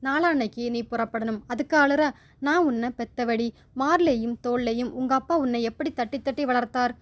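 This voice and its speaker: A woman voicing an anxious elderly mother who pleads softly and frets. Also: on the high side, moderate pace, lightly acted. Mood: tearful. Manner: fretful, soft pleading.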